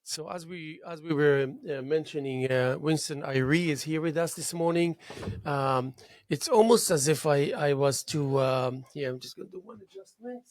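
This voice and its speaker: A man hosting a local talk show, warm in his words but halting, with many restarts. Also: a little high, no echo, studio quality. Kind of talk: interview.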